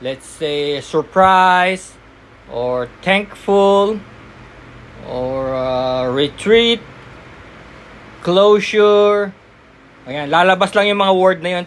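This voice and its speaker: A man's voice: high voice, fairly bright tone, slight background noise. A man coaching job applicants in a casual explainer talk, chatty, with everyday examples and frequent tag questions.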